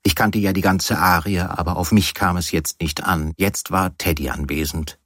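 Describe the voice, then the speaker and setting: A man reads a literary novel aloud in calm, measured first-person narration. His voice is very deep with a husky grain. The sound is close and completely dry. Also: no room sound. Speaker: audiobook narrator.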